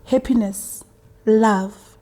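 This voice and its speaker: A South African woman talking in a calm, measured way during a casual group chat. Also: on the high side. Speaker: guest.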